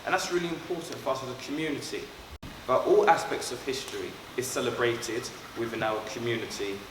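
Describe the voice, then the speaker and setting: A man from London, born in Trinidad, leading a school assembly and speaking earnestly and directly to pupils. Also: medium pitch. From born in Trinidad, raised in London. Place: school hall. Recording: echoey hall, far from mic, background noise.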